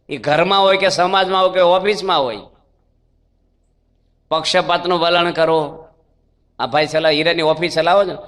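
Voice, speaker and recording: A man's voice: sits high, a bit bright. Man preaching in a reverberant hall. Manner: storytelling with rhetorical questions and quoted dialogue. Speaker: swami giving a religious discourse. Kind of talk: sermon.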